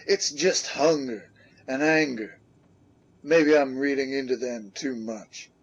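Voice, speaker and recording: A brooding male radio commentator muses slowly in a husky voice. The sound is dull and lo-fi, as if heard over an old radio. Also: mid-range voice. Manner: slow, brooding, philosophical monologue.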